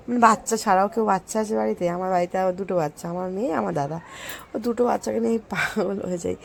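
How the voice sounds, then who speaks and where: A woman with a West Bengal Bengali accent chats in a rambling way to her viewers while she cooks at home. She is unwell and speaks slowly, and her voice has a gravelly fry. Faint background noise runs under her talk. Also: mid-range voice, a little mellow. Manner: chatty, rambling, addresses viewers directly. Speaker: home cooking vlogger. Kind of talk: casual cooking vlog chat. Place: home kitchen.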